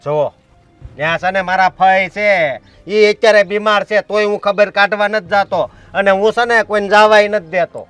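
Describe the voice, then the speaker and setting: A man's voice: high-pitched, moderate pace, a bit bright, clear, resonant tone, no room sound, soft background music. A man playing a stubborn village enforcer in a short film, bossy and threatening. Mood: stern. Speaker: village strongman blocking the road. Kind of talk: short film drama acting.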